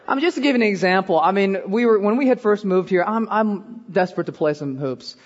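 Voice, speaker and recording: A man's voice: sits high, expressive, fairly quick, big-room sound, lo-fi sound. A man, preaching a sermon as pastor and telling self-deprecating stories with frequent "okay?" asides. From born in Korea, raised in Iowa. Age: 30s.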